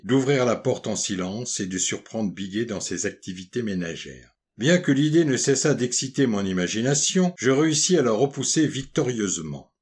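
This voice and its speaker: A man narrating a first-person novel as an audiobook, in a measured, even storytelling delivery. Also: fairly low pitch, slightly rough.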